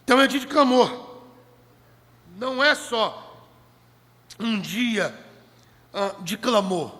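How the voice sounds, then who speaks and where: A male preacher with a very high, sharp, ringing voice delivers an emphatic sermon and hammers home key phrases. His words carry a long reverb from a large meeting hall, picked up through a stage microphone. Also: lively intonation, takes it slowly.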